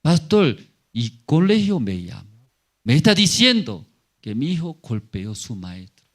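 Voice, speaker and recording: A man's voice: a little high, very animated, unhurried, pitched above the performer's own voice. Male preacher doing a fretful mother on the phone, pleading, voice jumping about, in a sermon retelling. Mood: anxious pleading. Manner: pleading, insistent. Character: worried mother calling her pastor.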